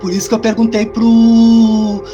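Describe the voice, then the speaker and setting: Podcast guy telling a spooky story, swears a lot, lively, music going underneath. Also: sits high, measured pace, dull audio. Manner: animated, profane, vivid storytelling. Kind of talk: casual storytelling chat.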